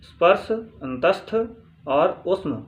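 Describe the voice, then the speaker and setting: A man teaching grammar, reading from a textbook and explaining slowly, repeating points and answering his own questions. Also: on the high side, expressive. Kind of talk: spoken lesson reading from a textbook.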